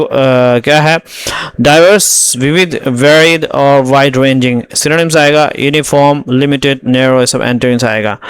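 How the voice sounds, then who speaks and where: A man teaching English vocabulary. He goes through the words one by one, reads the English examples slowly and then explains them. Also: a little high, clear, resonant tone. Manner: addresses students as friends, explains words one by one. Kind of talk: vocabulary lesson in Hindi.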